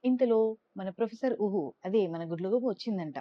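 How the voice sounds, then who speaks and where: A woman narrating a children's storybook aloud in a lively, expressive way. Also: moderate pace, dull audio. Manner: lively, expressive, raises pitch for characters' lines. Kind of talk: storybook narration with character voices.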